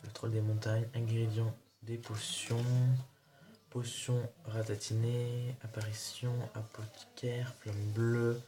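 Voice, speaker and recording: A man's voice: medium pitch, monotone, slow. A man chatting casually in a haul video, showing his purchases with a rambling, hesitant delivery full of fillers. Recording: noisy home recording.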